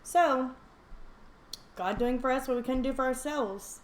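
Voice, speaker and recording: A woman's voice: sits high, unhurried. A woman in a casual chat who asks short questions and offers brief encouraging interjections. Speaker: co-host.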